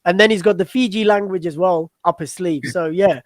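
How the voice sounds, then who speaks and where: A man's voice: high-pitched, a little fast, dry recording, clean studio sound. A man hosting a casual interview, chatting and asking his guest questions.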